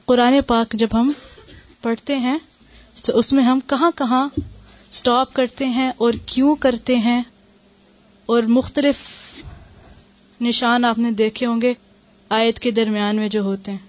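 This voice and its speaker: A woman's voice: a little high, flat delivery, pauses often, lo-fi sound. A woman teaching a lesson, explaining step by step and answering her own questions. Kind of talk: classroom lesson.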